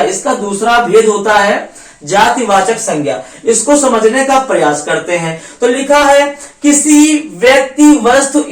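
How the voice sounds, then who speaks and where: A man's voice: very high voice, recorded from a distance. A male teacher talks through a grammar lesson for exam students. He repeats each rule and answers his own questions. His voice rings around an echoey room and sits some way off the mic.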